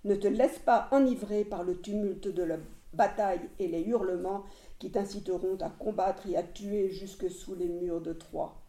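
A woman reading the lines of a proud, wrathful male warrior hero, in a grave, measured way. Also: mid-range voice, fairly even intonation, dark tone, natural voice. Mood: stern. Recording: roomy echo.

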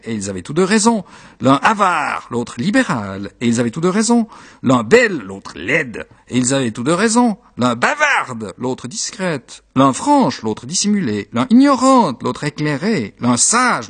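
Man reading a classic novel aloud, husky voice, higher pitch, very lively intonation, rhythmic. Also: unhurried. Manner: expressive, rhythmic, emphatic. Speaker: reader.

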